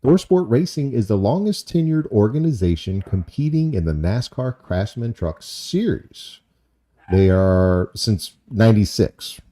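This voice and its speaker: A man hosting a podcast in a casual, rambling way, often repeating himself as he goes. His low, mellow voice swings up and down with animation. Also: sing-song, measured pace. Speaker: podcast host. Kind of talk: casual chat.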